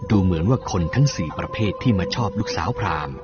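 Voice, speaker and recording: A man voicing a calm, wise spiritual teacher in a dramatised story, with a measured, didactic manner. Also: deep voice. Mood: calm, questioning. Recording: dull lo-fi audio with clear music behind.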